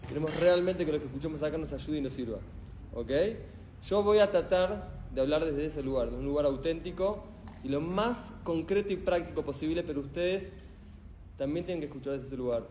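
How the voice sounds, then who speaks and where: A middle-aged man with an Argentine Spanish accent gives a live motivational talk to a packed event hall, speaking without a microphone. He tells energetic stories and keeps quizzing the audience. His voice is fairly high and a little fast, with a little hiss or hum.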